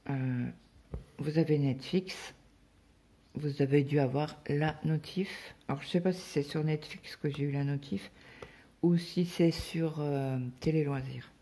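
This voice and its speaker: A woman from France talks casually to her viewers, rambling from story to story with plenty of hesitations. Her voice is gravelly and mellow, and she is still getting over a stomach bug. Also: low-pitched, a little slow. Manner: rambling, chatty storytelling with many fillers. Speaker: cross-stitch vlogger. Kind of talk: casual chat.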